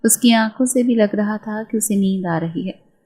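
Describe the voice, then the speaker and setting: A woman narrates a romance novel in a steady, measured storytelling voice. Her pitch sits in an ordinary middle range. The tone is soft and mellow rather than bright. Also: low-quality recording.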